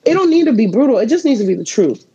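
A woman's voice: on the high side, big pitch swings, racing, dark tone, muffled recording, a little hiss or hum. A young adult woman co-hosting a podcast, talking in casual, reflective run-on thoughts. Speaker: podcast co-host. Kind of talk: casual chat.

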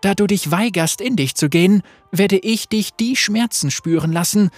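Stern veiled spirit lady, narrator doing her, cold and piercing, husky dry voice. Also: medium pitch, normal speed, a little mellow, no room sound, faint music behind, voice pushed up, close to an everyday voice. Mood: menacing. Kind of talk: read-aloud storytelling.

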